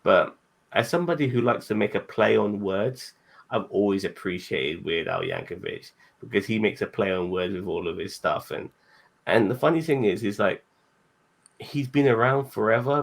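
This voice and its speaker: A man hosting a casual reaction chat, enthusiastic and quick to laugh, often restarting his words. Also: fairly low pitch, big pitch swings, vocal fry. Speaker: host.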